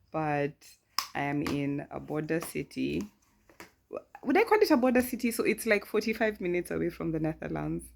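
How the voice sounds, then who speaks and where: A young woman chatting casually to camera in a vlog, talkative and laughing often. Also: low-pitched. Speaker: vlogger. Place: friend's room indoors.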